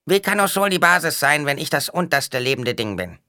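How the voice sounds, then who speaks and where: Storybook dwarf, impish and mocking, squawky bright voice, done by a male reader. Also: on the high side, big pitch swings, brisk, no room sound, clean studio sound, voice pushed up, heavily acted. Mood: mocking riddles. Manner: playful, riddling, mocking.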